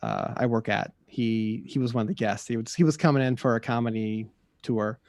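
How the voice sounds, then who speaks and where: A man at a middling pitch, a podcast guest chatting in an easygoing way. He tells funny anecdotes and chuckles along as he goes. The sound is dry and close. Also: fairly quick, darkish tone, no room sound. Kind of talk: casual chat.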